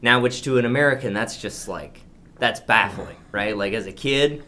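A man of middle pitch co-hosting a relaxed podcast. He chats loosely, laughs easily and muses out loud as he snacks between sentences. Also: normal speed, a little hiss or hum. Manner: chatty, laughs easily, muses aloud while eating. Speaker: podcast co-host. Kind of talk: casual chat.

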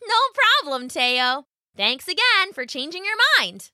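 Woman putting on a squeaky little rabbit girl. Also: measured pace, dry recording, studio quality, exaggerated voice. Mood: earnest. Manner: squeaky, excited and pleading. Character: clever young female rabbit, quick-witted.

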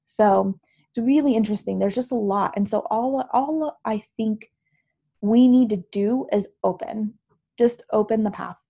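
A counselor who also teaches at a university speaks at a measured pace in a medium-pitched voice that is gravelly, husky and dark in tone. She gives long, thoughtful explanations like a teacher on a relaxed podcast.

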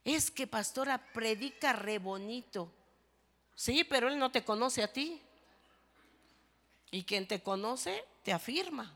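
A woman's voice: on the high side, animated, slow pace, pauses often. Fervent woman pastor preaching in a hall. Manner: emphatic, rising to shouts of exhortation. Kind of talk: sermon. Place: church hall.

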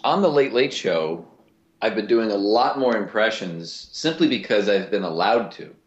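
A man's voice: on the low side, expressive, normal speed. A man from Cleveland, a voice actor, talking animatedly as an interview guest, often restarting his sentences. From Cleveland, USA. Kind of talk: casual interview talk. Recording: roomy lo-fi recording.

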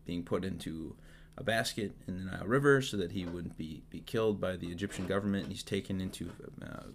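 A man co-hosting a podcast, casually teaching Bible stories with jokes and quick acted-out quotes. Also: low voice, gravelly, a little hiss or hum. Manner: relaxed, joking, acts out quotes. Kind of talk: casual Bible study chat.

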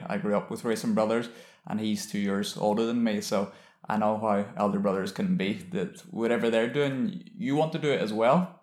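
A man's voice: lowish voice, a little mellow, reverberant. A man from Ireland hosting an interview, friendly and teasing, with loose casual phrasing. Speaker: podcast host.

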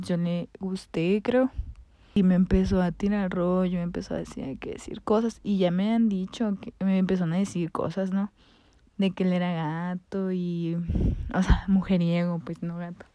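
Young Mexican woman vlogger, warm and mellow, dry close recording, chatty and profane. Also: lowish voice, no echo. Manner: slangy, animated, swears freely. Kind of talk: casual storytime chat.

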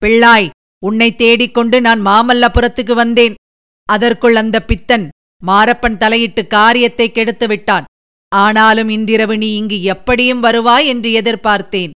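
Villain: a woman doing a domineering male sorcerer priest, booming and commanding, smooth clear voice, storybook reading. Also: steady tone, normal speed, fairly bright tone, close to an everyday voice. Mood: solemn, commanding.

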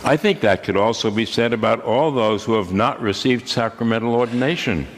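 A man in his eighties, a priest, delivering a sermon in a measured, solemn way with deliberate pauses. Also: mid-range voice, in a large hall, a little hiss or hum. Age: 80s.

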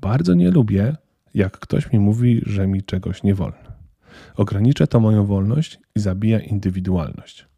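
A man's voice: fairly low pitch, animated, normal speed, vocal fry, dark tone, slightly rough, no room sound, heavily acted. A man voicing a spoiled, defiant eight-year-old girl who talks in a cold, smug, self-assured way.

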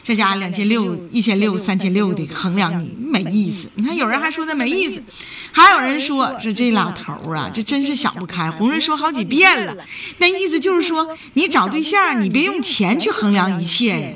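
A woman's voice: fairly high pitch, very animated, brisk, sharp tone, distant mic. A woman hosting a call-in advice show, lecturing callers firmly and raising her voice to get through to them. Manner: firm, lecturing, raises her voice. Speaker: radio advice host.

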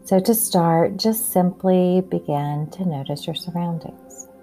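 A woman with a low voice and some creak guides a calm grounding exercise. She gives gentle, unhurried instructions as a mindfulness host, with faint music in the recording. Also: rough recording.

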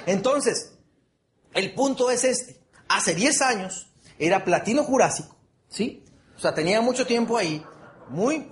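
A man's voice: sits high, slight background noise. A man giving a motivational speech to an audience, earnest, repeating phrases and asking the audience for agreement. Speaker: motivational speaker.

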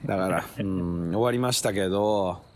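A comedian chatting casually with a friend, roughly and loosely, often acting out other people's lines in a loud, high voice. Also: male voice, normal speed. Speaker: comedian podcast host. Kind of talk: casual chat recorded outdoors. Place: city park at night.

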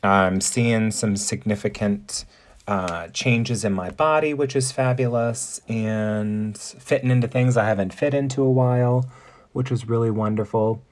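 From his makeup table, a podcast host in his 40s delivers a casual monologue in a lowish voice, a little slow and fairly even in intonation. He's bubbly and campy, using playful pet names.

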